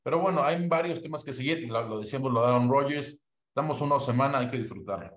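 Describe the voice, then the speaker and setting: A man's voice: mid-range voice, fast talker. A man, a sports reporter talking in an informative, talkative way. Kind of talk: casual sports talk. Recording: roomy echo.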